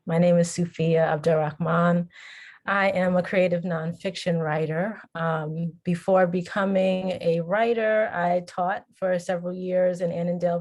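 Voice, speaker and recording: A woman from New York, a writing teacher and memoir author, introducing herself on a panel in an even, matter-of-fact way. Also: on the low side. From Long Island, New York.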